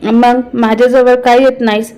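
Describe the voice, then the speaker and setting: A woman voicing a young village husband who speaks in rustic village speech, quiet and ashamed. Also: a little high, level tone, normal speed, clear, resonant tone, close to an everyday voice, low-quality recording.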